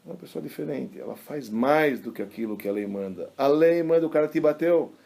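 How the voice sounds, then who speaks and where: A man, a rabbi giving a casual religious lesson and telling stories in an animated, colloquial way. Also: a little high, brisk, creaky. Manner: animated, colloquial storyteller, acting out quotes. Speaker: rabbi teaching a class.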